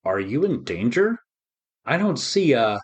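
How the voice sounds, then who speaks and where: Old pirate captain, read by a man: gentle, courtly, mild. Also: medium pitch, very animated, a little slow, breathy edge. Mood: genial. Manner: genial, old-fashioned phrasing. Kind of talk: storybook voice acting.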